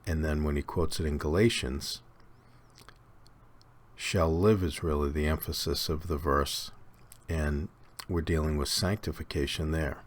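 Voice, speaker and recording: A man giving an unhurried, conversational Bible study lecture with fillers and restarts. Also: very deep voice. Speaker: Bible teacher.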